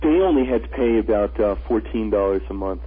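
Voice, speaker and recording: A man with a lowish, slightly rough voice speaks briskly and expressively as the guest on a radio interview. An author and traveler, he tells his stories earnestly, often restarting his sentences, and the audio is tinny, like a phone line.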